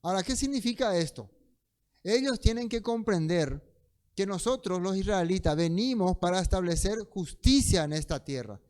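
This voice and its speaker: A man's voice: high-pitched, lively intonation, normal speed, a little mellow. A man giving a Bible study sermon, reading verses with emphasis and asking rhetorical questions. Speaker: Bible teacher.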